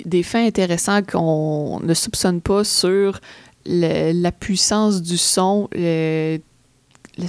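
A woman's voice: lowish voice, darkish tone, no room sound. A woman with a Québécois French accent explaining facts in a casual chat, hesitant, with many fillers.

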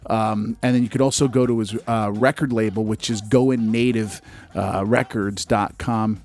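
A man hosting a podcast in a casual, rambling and halting way as he introduces an interview. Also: fairly low pitch, fairly even intonation, darkish tone. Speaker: podcast host.

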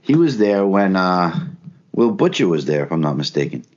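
A man's voice: low-pitched, big pitch swings, moderate pace, a little mellow, dull audio. A man co-hosting a sports podcast, thinking aloud with restarts and emphatic repeats. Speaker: podcast co-host. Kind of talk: casual sports chat.

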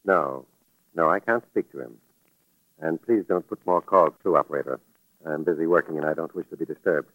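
An actor playing a fussy, indignant museum scholar in a 1940s radio drama, prim and stammering. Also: male voice, rumbling low, brisk, a bit bright, dry recording, low-quality recording. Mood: irritated, absorbed. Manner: prim, stammering when alarmed. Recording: dry vintage radio recording.

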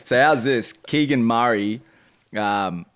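A man's voice: medium pitch, takes it slowly, fairly bright tone. A man co-hosting a casual sports podcast, speaking with many ums and rattling off game stats. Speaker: podcast co-host.

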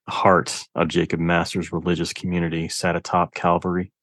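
A man reading a novel aloud as narrator, close to the mic, in a measured, restrained way. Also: sits low, monotone, a bit bright, dry recording. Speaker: audiobook narrator. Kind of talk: scripted narration of dark fiction.

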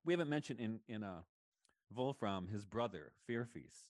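In a dry recording, a man who teaches college students chats casually at a normal speed, his voice on the low side and animated. He rambles thoughtfully and recounts scenes with real enthusiasm.

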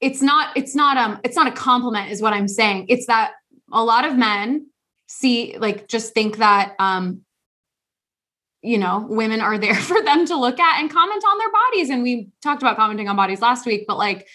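In a casual podcast conversation, a young woman co-host spins out a long, rambling story with animated energy and many restarts and fillers. Her voice is on the high side and she speaks at a moderate pace.

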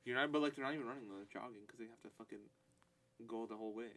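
A young adult man co-hosting a casual podcast, animated and swearing, saying bro a lot. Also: medium pitch, racing. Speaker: podcast co-host. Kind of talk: casual chat.

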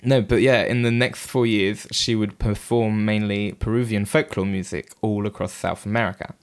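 A man co-hosting a podcast, telling a story in a relaxed, casual way with lots of ums and asides. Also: on the low side, normal speed. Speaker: podcast co-host.

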